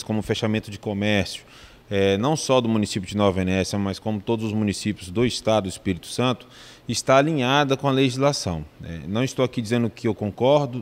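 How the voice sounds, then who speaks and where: Brazilian man, legal adviser, formal measured delivery, reverberant room. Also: mid-range voice. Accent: Brazilian Portuguese. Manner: measured, formal, with frequent restarts and fillers. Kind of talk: formal legal explanation in an interview.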